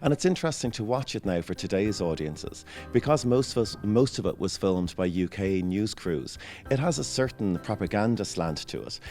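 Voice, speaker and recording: Deep, mellow man in interview. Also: animated, moderate pace, faint music behind. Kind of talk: explanatory interview.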